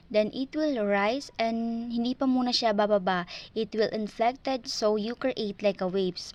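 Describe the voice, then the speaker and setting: A woman with a Filipino accent gives a class presentation. She explains each point slowly and step by step in a voice pitched a little high. She mixes English and Filipino as she goes. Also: a little mellow, muffled recording. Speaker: student presenter.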